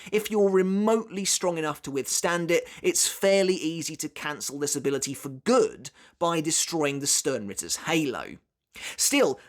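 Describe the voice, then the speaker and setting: A countdown narrator with a widely swinging, mid-pitched voice. The delivery of this scripted top ten commentary is dramatic and emphatic, leaning on key words. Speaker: narrator of a ranked countdown video.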